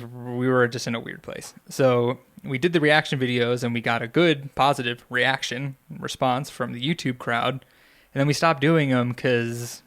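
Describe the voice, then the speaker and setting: A podcast co-host with a medium-pitched, fairly bright voice tells loose, wandering stories. His casual chat leans heavily on filler words.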